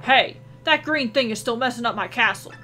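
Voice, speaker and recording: A woman voicing a gruff, boastful male monster king in a video game, with slow theatrical villain menace. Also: fairly high pitch, sharp tone, faint music behind. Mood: menacing.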